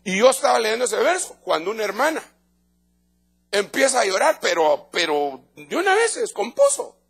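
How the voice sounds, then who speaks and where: Gravelly, high-voiced Guatemalan preacher. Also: male voice, sing-song, normal speed. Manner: emphatic, conversational preaching to the congregation; repeats words and restarts phrases. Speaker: pastor. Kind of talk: evangelical sermon. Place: church in front of a congregation.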